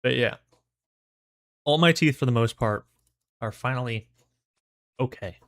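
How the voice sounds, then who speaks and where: A man's voice: mid-range voice, unhurried, dry recording, clean studio sound. A man livestreaming in casual, slangy, laid-back chat, his mouth numb from the dentist. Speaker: livestream host.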